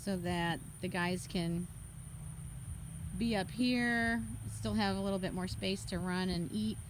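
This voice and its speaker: Woman, casual barn walkthrough, chatty, laughs a lot, handheld phone audio, steady background noise. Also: mid-range voice, unhurried. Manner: chatty, laughs often, lists items as she goes. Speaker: horse owner giving a barn tour. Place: horse barn, paddock and tack room, in and out of doors. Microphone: handheld phone camera.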